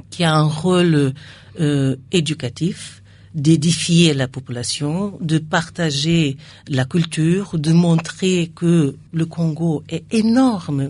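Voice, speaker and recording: Speaking French as a non-native, this woman works at a radio station and is being interviewed conversationally, sometimes hunting for the right word. She has a low, darkish, slightly rough voice and a foreign accent.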